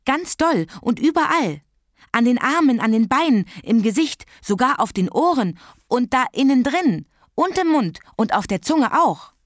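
A woman voices a dramatic, whiny little girl who pleads and exaggerates, sounding excited. Her natural voice sits on the high side, pitched above her own, animated and at normal speed, recorded studio-clean with no room sound.

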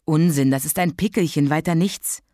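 Patient young mother, read by a woman, low-ish voice, calm and matter-of-fact, dry close sound. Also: moderate pace, no echo, close to an everyday voice. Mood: teasing.

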